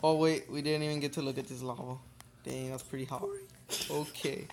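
Excitable man narrating gameplay, noisy mic. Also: medium pitch, fairly quick. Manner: excitable, swears casually, reacts aloud. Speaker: gameplay commentator. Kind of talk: casual game commentary. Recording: noisy home recording.

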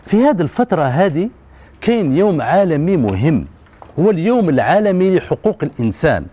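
A man in his thirties with an Algerian Arabic accent hosts a children's TV show, coaxing the kids with questions while holding a handheld mic on a colorful studio set with a child audience. His voice is on the high side, warm, sing-song, and a little fast.

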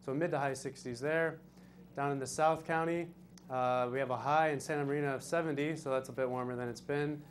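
A male weather reporter runs through temperatures in a relaxed, casual manner, dropping in filler uhs as he goes. A faint hum sits behind his voice. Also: mid-range voice, fairly quick. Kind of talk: weather forecast.

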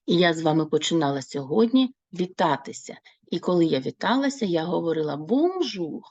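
Animated woman teacher with a gravelly edge. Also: low-pitched, no room sound, dull audio. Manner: slow, clear, repeats words for learners. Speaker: French teacher. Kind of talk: online language lesson.

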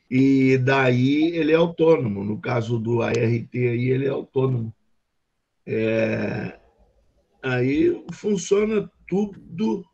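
A man's voice: mid-range voice, vocal fry, a little mellow, breathy edge, muffled recording. An older man with a Brazilian Portuguese accent, a professor adding remarks on a video call, talking in a rambling way with many restarts. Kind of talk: casual online lecture discussion. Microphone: webcam on video call.

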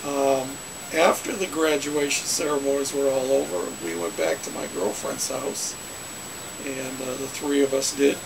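Gravelly older man telling car stories. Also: medium pitch, unhurried. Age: 60s. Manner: rambling, folksy, many uh fillers. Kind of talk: casual storytelling to camera. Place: small cluttered home den. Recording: hissy webcam recording.

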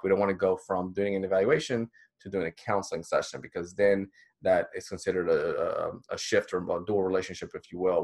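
Man, thirties, from the Dominican Republic, lower register; counselor leading a friendly training slideshow. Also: darkish tone. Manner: conversational, encouraging, with many fillers. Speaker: counselor teaching a course. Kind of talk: recorded slideshow lecture. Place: small indoor room.

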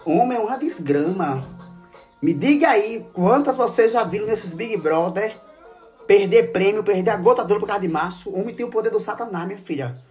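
A man's voice: sits high, brisk, a little mellow, faint music behind. A man in a casual phone story, talking straight to his viewers in a campy, dramatic, exclamatory way. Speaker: social media influencer.

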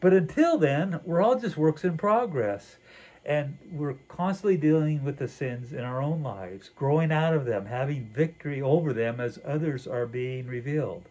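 An older man delivers a sermon in a relaxed back-and-forth, earnest and reflective, with frequent fillers. His voice sits slightly high but sounds dark and mellow. He is recorded on a camera at table distance in a small wood-paneled room. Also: normal speed. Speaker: pastor. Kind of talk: conversational sermon dialogue.

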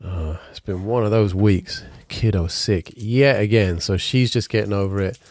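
Hosting a podcast from his home music studio, a stuffy, congested man in his thirties talks casually while his own piano plays in the background. He has a lowish, darkish voice at a moderate pace with no echo, and his frank, rambling remarks include frequent corrections. He's on a boom-arm studio mic with headphones on.

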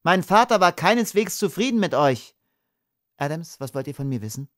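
A man reading an audiobook, voicing a spirited young woman, the major's daughter, who speaks up excitedly. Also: a little high, normal speed, no echo, clean studio sound, pitched above the performer's own voice. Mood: sharp. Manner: excited, insistent.

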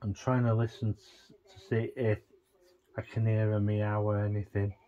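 A man vlogging a casual tech walkthrough, thinking aloud in a halting, rambling way. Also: on the low side, level tone, dark tone, highs cut off.

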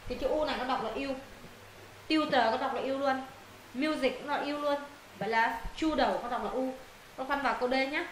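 A woman teaching an English lesson to her students, walking them through answers and firing quick questions to check they follow. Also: sits high. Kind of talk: classroom lesson explaining answers. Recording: roomy echo, faint noise.

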